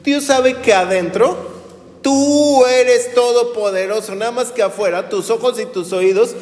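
A man preaching a sermon as pastor, telling stories with animated delivery and acting out the people he quotes. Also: extremely high pitch, unhurried. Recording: roomy hall with long reverb.

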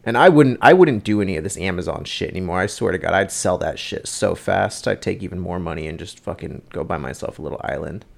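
A man's voice: low voice, lively intonation, fast, vocal fry, few pauses. A young man co-hosting a podcast, chatting casually in a crude, joking way and laughing often. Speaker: podcast co-host. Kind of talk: casual chat.

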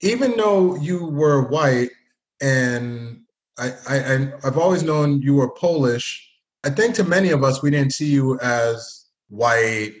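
The audio is poor as a podcast host with a mid-range voice chats slowly but animatedly, teasing his old college friend in a casual interview. He is from a Haitian family and grew up partly in Canada.

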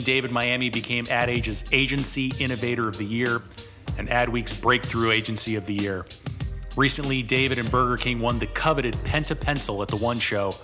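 A man hosting a podcast, reading an upbeat intro with casual slang and interviewing a guest. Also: medium pitch. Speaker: podcast host.

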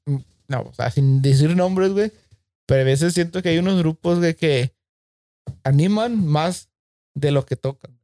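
A man's voice: on the high side, moderate pace, long pauses, warm tone, no room sound, clean studio sound. A man with a Mexican accent hosting a casual chat, laid-back and agreeing often, with lots of slang. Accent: Mexican Spanish. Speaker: host.

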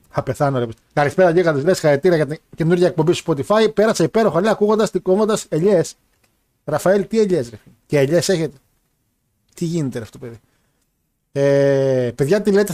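Young man, slightly high pitch, casual banter, jokey, rambling. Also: darkish tone. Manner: joking, laughing, rambling. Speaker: podcast co-host reading listener messages. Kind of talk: casual banter about wrestling and football.

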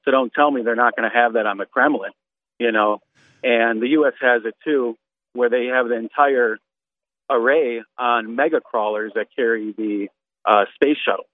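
A man's voice: mid-range voice, moderate pace, no echo. Rambling man caller over the phone. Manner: rambling, full of "you know" and "like". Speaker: radio call-in caller. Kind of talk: casual chat. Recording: tinny dry phone line.

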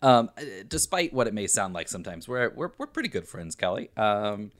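A man's voice: on the low side, very animated, brisk. A man co-hosting a casual podcast chat, making dry teasing jokes. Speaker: podcast co-host.

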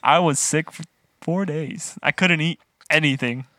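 A man's voice: on the high side, measured pace, pushed and bright, no room sound. A man co-hosting a casual podcast, telling stories with lots of laughing and swearing. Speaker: podcast co-host.

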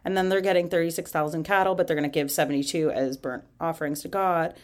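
A woman with a fairly low-pitched voice talks through a reading in a casual podcast chat. She keeps breaking in with sarcastic, deadpan remarks and swears freely. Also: fast talker. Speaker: podcast co-host. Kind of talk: casual irreverent chat, reading scripture aloud.

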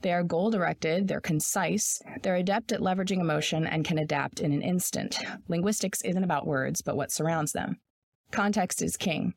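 Podcast co-host: woman, 30s, low raspy voice, blunt and profane, dry close sound. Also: dry recording. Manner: profane, blunt, reads quickly. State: raspy sore throat. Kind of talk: casual chat and reading an essay aloud.

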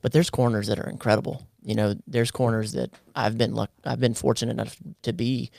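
Podcast host guy, gravelly fry, dry mic. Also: mid-range voice, level tone, brisk, darkish tone, no echo. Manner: encouraging, thoughtful questions. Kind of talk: casual podcast interview.

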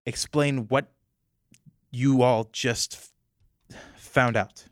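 A man's voice: mid-range voice, fairly even intonation, drawn-out words, no echo. A man voicing a stern female council speaker who talks in a formal, commanding way.

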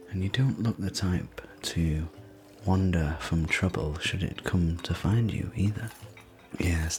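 Man playing a hospitable fantasy innkeeper, soft deep whisper, gently rambling, bedtime story. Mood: welcoming. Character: friendly male innkeeper of a fantasy tavern. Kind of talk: whispered ASMR sleep story roleplay.

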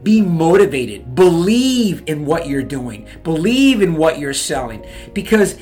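A man's voice: on the high side, sing-song, measured pace, a little mellow, soft background music. A man giving real estate advice in a motivational talk, fired up, pushing his listeners with repeated "okay?" and "you guys.".

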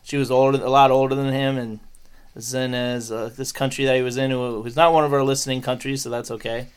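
A middle-aged man hosting a podcast, fast-talking, excitable and profane in loose crude banter. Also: mid-range voice, clean tone. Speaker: podcast host.

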